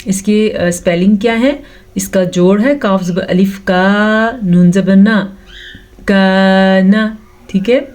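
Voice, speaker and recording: A woman teaching Quran recitation with tajweed, patiently explaining each rule step by step and drawing out the recited verses very slowly. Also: mid-range voice, darkish tone. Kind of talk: tajweed lesson with slow recitation.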